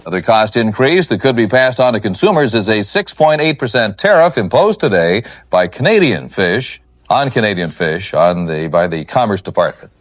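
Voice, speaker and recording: A man's voice: lowish voice, sing-song, moderate pace, no echo. A male news anchor reading a report and stumbling over his phrases.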